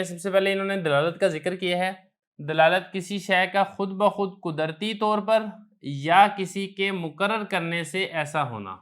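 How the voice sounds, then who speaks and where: Male teacher with a Pakistani Urdu accent, slightly raised pitch, patient step-by-step classroom explainer. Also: fairly bright tone. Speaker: religious studies teacher. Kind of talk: classroom lecture.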